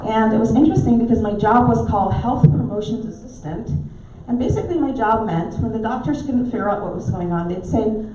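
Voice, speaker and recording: A woman's voice: a little high, brisk, hardly any pauses, noisy background. Barbadian woman speaking in an echoey room. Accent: Barbadian, softened by years in the US. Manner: warm storytelling with filler ums. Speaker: guest speaker, naturopathic doctor. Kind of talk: talk at a club meeting. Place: pub dining room. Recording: echoey, dull, distant room recording.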